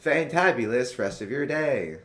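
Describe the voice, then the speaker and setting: A chipper clockwork robot receptionist, put on by a man with a mid-pitched voice, formal and eager to please. He greets visitors in stiff customer-service phrases, slightly mechanical in his delivery. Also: lively intonation, a little slow, fairly bright tone, a little hiss or hum. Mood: cheerful formal. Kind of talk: tabletop role-play character voice.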